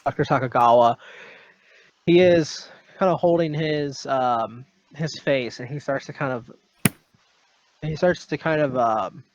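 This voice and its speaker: A man's voice: medium pitch, measured pace. A man running a tabletop horror game as game master, narrating in a hesitant, rambling way full of ums, on a dull lo-fi recording.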